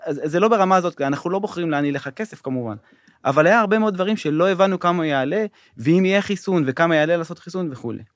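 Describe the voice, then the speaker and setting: A man's voice: a little high, no room sound. A middle-aged man telling a story as a guest in a studio interview, hesitant and full of fillers. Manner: hesitant, many fillers and restarts. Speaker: guest, government finance official. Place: podcast studio.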